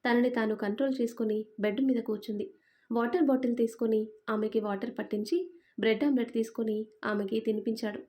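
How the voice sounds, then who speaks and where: Warm-voiced woman telling a family story. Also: fairly high pitch, flat delivery, a little fast. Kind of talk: scripted story narration.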